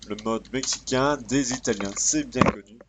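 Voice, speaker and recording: A man's voice: medium pitch, normal speed. A man casually commenting while showing off a game mod, joking and swearing as he plays, recorded on a cheap microphone. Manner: casual and profane, joking, mutters to himself while playing. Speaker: gamer showcasing a mod. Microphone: cheap desk microphone. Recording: cheap mic with faint background noise. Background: keyboard clicks and typing.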